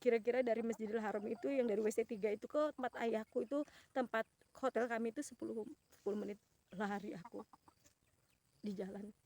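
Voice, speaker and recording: A woman's voice: on the high side, steady tone, brisk, pauses often, a little mellow. A woman vlogger retelling a personal experience with earnest emotion, full of exclamations and broken-off restarts.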